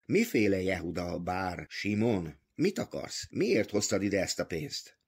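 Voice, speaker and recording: A man's voice: low-pitched, big pitch swings, husky, full character voice. A man voicing a fat, pompous, irritable temple treasurer who talks impatiently and mockingly in an audiobook reading.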